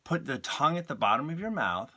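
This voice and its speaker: A man's voice: fairly high pitch, big pitch swings, pushed and bright, a little hiss or hum. A man teaching an art lesson to young children, explaining patiently and spelling words out for them. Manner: slow, patient, spells things out.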